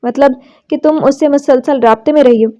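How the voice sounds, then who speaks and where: A woman's voice: high voice, warm tone, close to an everyday voice. A woman voicing a stern middle-aged mother who scolds in an audiobook novel. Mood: scolding. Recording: slightly dull lo-fi recording.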